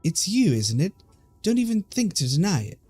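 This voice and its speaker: A man voicing a vain, attention-hungry fairy from a game, with a put-on Scottish accent and a high, bouncy, self-important delivery. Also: very animated, normal speed, mellow, husky, faint music behind, exaggerated voice.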